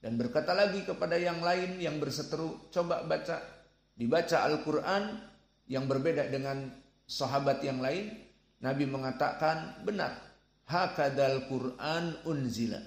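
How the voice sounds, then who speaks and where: A man giving a religious lesson, speaking slowly and deliberately and sounding out Arabic syllables. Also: on the high side, vocal fry, reverberant. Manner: slow, deliberate, demonstrates Arabic sounds aloud. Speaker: Quran recitation teacher.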